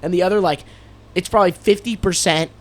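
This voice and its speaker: A man's voice: high voice, fast talker. A man on a podcast telling a story in casual chat, acting out the people he quotes. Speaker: podcast host. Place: Los Angeles area.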